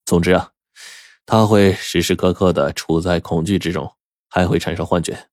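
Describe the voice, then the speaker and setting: A man voicing a calm middle-aged male doctor who explains things slowly and gravely. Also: no echo, clean studio sound, close to an everyday voice. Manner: low, measured, sighing.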